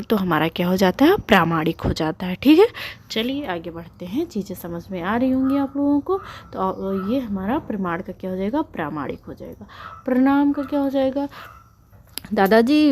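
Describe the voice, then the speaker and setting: Lady teacher going through a lesson, keeps asking and then answering her own questions. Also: on the high side. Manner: explains with questions she answers herself. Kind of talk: online lesson.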